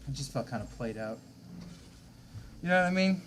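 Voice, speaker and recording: A man's voice: mid-range voice, moderate pace, music in the background. Laid-back man chatting on a stream. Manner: relaxed, chuckling, reading and answering chat. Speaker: game streamer. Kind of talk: casual late-night stream chat.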